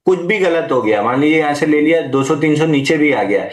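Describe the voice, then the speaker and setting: A man's voice: a little high, animated, brisk, echoey room. A man, a stock market analyst, patiently answering viewer questions in a live market Q&A, mixing in English trading terms. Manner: patient, advisory, uses Hindi mixed with English terms.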